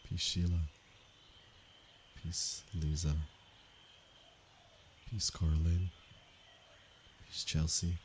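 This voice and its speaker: A man from Canada, a meditation teacher, speaking softly and unhurriedly to viewers of his livestream. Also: low-pitched, flat delivery, a little hiss or hum. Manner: slow, soft-spoken and unhurried, with pauses. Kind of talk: calm livestream talk to viewers.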